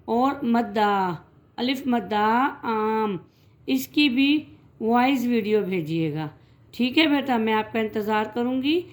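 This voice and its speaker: A woman teacher giving a children's reading lesson, drawing out sounds slowly and then explaining quickly, addressing the children gently. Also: fairly high pitch, animated. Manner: slow drawn-out syllables, then quick explanations; gentle, calls listeners "beta".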